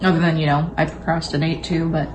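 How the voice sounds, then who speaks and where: A woman's voice: low-pitched, little pitch movement, fast, poor audio. A young woman chatting informally over food, telling stories and acting out what people said. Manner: informal storytelling with acted-out quotes. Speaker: co-host of a mukbang Q and A. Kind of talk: casual chat while eating.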